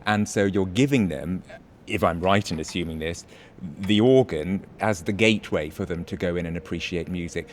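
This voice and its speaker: A man's voice: deep voice, moderate pace. A man interviewing a guest, asking thoughtful, probing questions. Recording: faint background noise.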